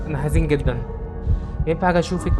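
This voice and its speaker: An excitable young Egyptian man narrating a game as he plays, talking fast and scolding the characters on screen. His voice sits a little high. Game music plays clearly under his voice. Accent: Egyptian Arabic. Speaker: gaming YouTuber. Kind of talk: let's-play commentary.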